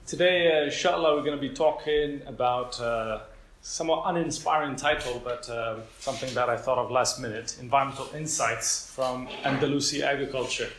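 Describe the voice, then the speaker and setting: A man's voice: mid-range voice, a little fast, fairly bright tone. A young man from Morocco, a PhD student, giving an informal talk to an audience, hesitant with many fillers and a self-deprecating manner. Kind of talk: informal lecture. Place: lecture room with an audience. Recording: echoey room, faint ambient noise.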